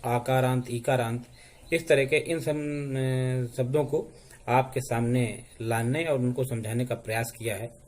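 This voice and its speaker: A man teaching a slow, deliberate grammar lesson for young schoolchildren, spelling out sounds. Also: mid-range voice, fairly even intonation. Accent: Hindi.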